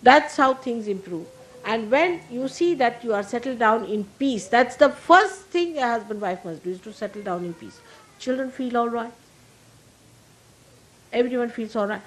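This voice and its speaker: A woman's voice: a little high, lively intonation, moderate pace, rough recording. A woman giving an informal, humorous spiritual talk to her followers, with frequent conversational asides like "see?". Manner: warm humorous asides to the audience; conversational, often asks "see?". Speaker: spiritual teacher.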